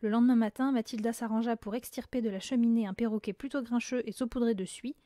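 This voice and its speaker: Brief: woman audiobook narrator, expressive, a bit high, dry close mic. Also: fast talker, dry recording. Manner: lively, expressive reading. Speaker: audiobook reader. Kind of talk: storybook narration.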